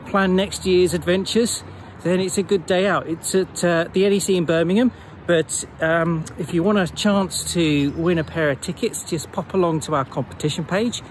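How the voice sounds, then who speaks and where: High-pitched British man vlogging outdoors. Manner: upbeat, informal, talking while out walking. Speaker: vlogger announcing a prize draw. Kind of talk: casual chat to camera. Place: outdoors on a wooded path. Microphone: phone at arm's length. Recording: outdoor ambient noise, handheld phone.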